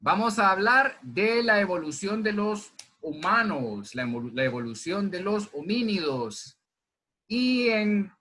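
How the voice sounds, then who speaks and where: Man, university teacher, recorded online lecture, conversational, bright and animated. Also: high voice, measured pace, a little hiss or hum. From Honduras. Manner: conversational, asks the class questions and answers them himself. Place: indoors at home during heavy rain. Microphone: computer microphone.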